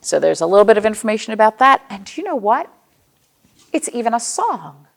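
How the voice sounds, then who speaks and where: A children's librarian, an American woman, hosts a storytime for little kids, reading aloud with lots of expression and asking her listeners questions to explain things simply. Her voice sits a little high, with vocal fry, and she talks a bit fast and very animatedly.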